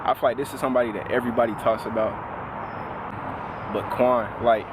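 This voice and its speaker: A man of twenty talking casually and reflectively as a vlogger, relaxed and full of fillers. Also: medium pitch, a little fast, noisy background. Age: 20s. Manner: relaxed, conversational, lots of "like" fillers.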